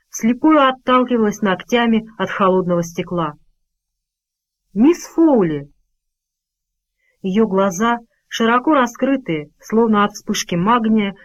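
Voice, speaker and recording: A woman reading an audiobook as its narrator, in an expressive, dramatic style. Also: medium pitch, low-quality recording. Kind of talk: scripted narration.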